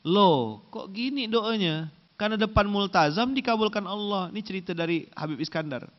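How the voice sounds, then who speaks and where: A man preaching a sermon in a casual, lively way, slowly chanting Arabic verses and acting out prayers and haggling. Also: high-pitched. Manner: addresses listeners directly, casual and lively. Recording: dull reverberant hall sound.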